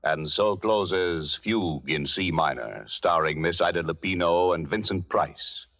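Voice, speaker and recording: A man announcing the close of a 1940s radio drama in a slow, formal delivery. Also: deep voice, expressive. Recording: dull old radio broadcast with loud music.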